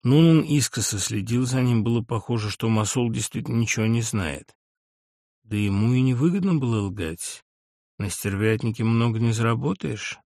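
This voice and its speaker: A man's voice: mid-range voice, mellow, no room sound. Man narrating an audiobook, dry sound. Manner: measured literary reading. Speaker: audiobook reader.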